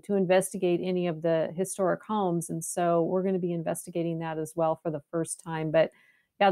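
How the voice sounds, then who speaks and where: A woman's voice: fairly low pitch, darkish tone. A woman from the US West Coast, a paranormal investigator, talking casually as a podcast guest, enthusiastic and often repeating words as she thinks. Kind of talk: casual interview talk.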